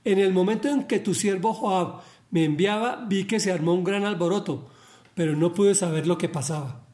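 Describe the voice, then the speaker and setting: Man voicing an eager young runner, insistent, earnest, high voice. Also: moderate pace, a little mellow, lightly acted. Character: eager young male runner bringing news.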